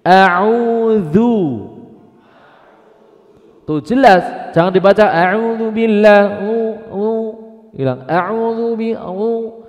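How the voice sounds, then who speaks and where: A man teaching Quran recitation at an evening mosque class, chanting slow examples and then explaining them. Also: high voice, animated. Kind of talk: mosque study class lesson. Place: mosque hall. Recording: reverberant mosque hall.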